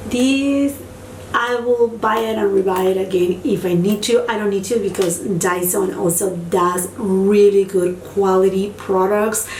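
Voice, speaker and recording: A mid-range female voice, recorded on a distant mic in an echoey room with faint background hum, belongs to a beauty vlogger whose first language is Spanish. She gushes enthusiastically in a casual product review, repeating words for emphasis.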